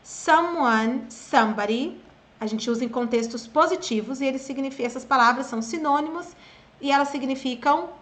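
A high-pitched woman with a Brazilian accent gives a relaxed online English lesson. She explains patiently and chats with her viewers, then drills pronunciation. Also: normal speed. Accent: Brazilian Portuguese. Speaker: English teacher.

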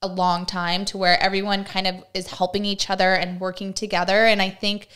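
A young adult woman chatting casually on a podcast as an actress guest, animated and filling her talk with "like.". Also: medium pitch, a little fast. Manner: chatty, animated, heavy use of "like".

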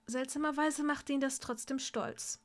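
A woman reading fan fiction aloud in a steady storytelling voice. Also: sits high, unhurried. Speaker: story reader.

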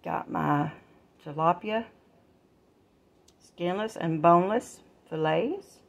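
Speaking slowly in a gravelly, lowish voice, an older woman vlogger shows off her groceries at home. She's relaxed and homely, calls her viewers y'all, and films on a phone in her kitchen.

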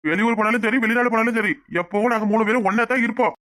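A man plays a loyal, hot-headed young village man in a cartoon, who boasts and defies his elders. His voice sits high and bright, and he talks fast. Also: steady tone. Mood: boastful. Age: 20s. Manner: defiant, boastful. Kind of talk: cartoon voice acting.

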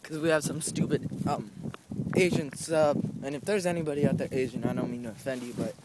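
A man's voice: fairly high pitch, steady tone, a little fast, very noisy. A teenage boy vlogging casually while walking his dog outside, talking in a loose, mumbling way. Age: teens. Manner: casual, mumbling, swears lightly. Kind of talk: casual vlog.

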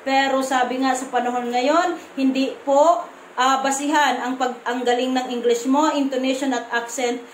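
A woman with a Visayan accent talks to her camera from home in a firm, blunt way, stumbling and restarting her words. Her voice sits high. The room has a marked echo and a faint hum of background noise. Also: steady tone, normal speed. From Visayas, Philippines. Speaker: vlogger. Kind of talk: casual vlog to camera.

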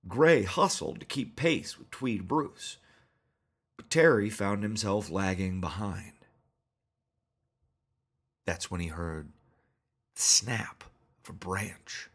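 A man narrating a horror story in a measured, deadpan way. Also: low voice.

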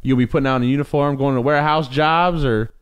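A man's voice: medium pitch, fairly even intonation, quick pace, clear, resonant tone. A young man co-hosting a podcast, crude and rambling as he teases in casual chat. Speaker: podcast co-host.

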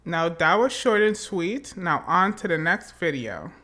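A woman's voice: fairly low pitch, lively intonation, measured pace, noisy background. A woman hosting a commentary channel, giving sarcastic, teasing reaction commentary over clips.

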